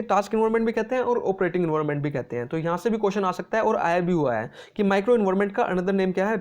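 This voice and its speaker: A man teaching an exam-prep lesson, mixing English terms into his explanations, often checking in with "okay" and reading English definitions out slowly. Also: high voice, a little mellow. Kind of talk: explanatory lecture.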